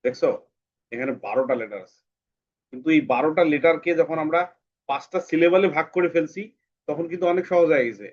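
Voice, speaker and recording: A male English teacher giving a class to children, patiently repeating words slowly and breaking them into syllables. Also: on the high side. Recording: dull lo-fi sound.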